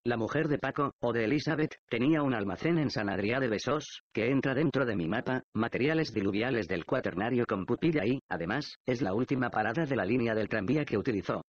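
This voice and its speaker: A man's voice: mid-range voice, animated, a little fast, few pauses, natural voice. Víctor, an eager detective read by a man. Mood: recounting. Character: male detective, thoughtful and excitable investigator. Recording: dull, dry lo-fi audiobook recording.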